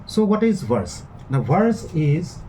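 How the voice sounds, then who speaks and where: A male lecturer with an Indian English accent talks through a recorded lesson in a somewhat high but mellow voice. He explains patiently, repeats and rephrases his points, and fills his pauses with "uh". A faint hiss sits under the recording. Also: sing-song, poor audio.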